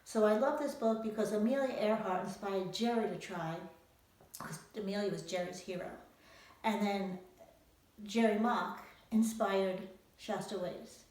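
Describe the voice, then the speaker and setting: Here the author's voice is mid-range, a touch slow, and somewhat dark in tone. She presents her book to young readers through an emphatic story talk, asking rhetorical questions along the way, in a very echoey room recorded from a distance.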